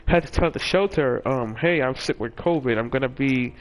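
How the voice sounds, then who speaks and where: With poor audio quality, this clip features a young man whose mid-range voice moves at a normal speed. He tells a personal story casually as a vlogger, rambling with frequent filler words, restarts, and self-corrections.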